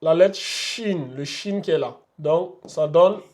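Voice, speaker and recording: A man with a fairly high voice leads a classroom lesson at an unhurried pace. He patiently repeats each example, stretching the sounds out so his students can follow. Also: a little mellow. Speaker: Quran recitation teacher. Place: classroom with a board.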